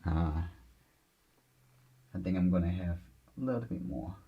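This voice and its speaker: Gentle, low gravelly male painting instructor. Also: a little slow, dull audio. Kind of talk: step-by-step painting demonstration, unscripted.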